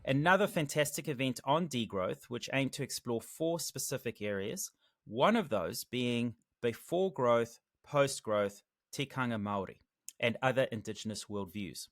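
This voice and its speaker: A man's voice: medium pitch, lively intonation, moderate pace, no echo, studio quality. A man co-hosting a podcast, introducing a guest in an upbeat conversational way. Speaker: podcast co-host. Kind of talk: conversational interviewing.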